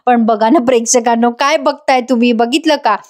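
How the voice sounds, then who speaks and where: A woman's voice: a little high, fairly even intonation, a little fast. A woman giving a chatty voice-over recap of a TV serial, speaking directly to her viewers. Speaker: serial reviewer.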